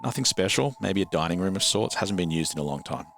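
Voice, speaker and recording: A man acting as dungeon master, narrating a tabletop game in a relaxed, wry way with many fillers. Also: deep voice, quick pace, creaky, a little hiss or hum.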